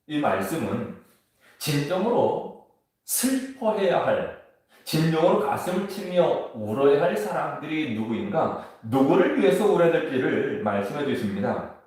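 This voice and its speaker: A man preaches a sermon in a measured, steady way, reading scripture aloud between points. His voice comes from far back in a church sanctuary with heavy echo. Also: medium pitch. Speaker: pastor. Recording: echoey church hall, voice from far off.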